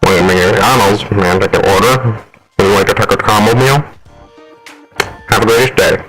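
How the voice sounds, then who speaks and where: A low, crackly walkie-talkie voice changer on a man that sounds like a drive-through speaker. He talks loudly and quickly, with faint music behind. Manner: loud, rushed drive-through order-taker patter. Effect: walkie-talkie voice changer filter.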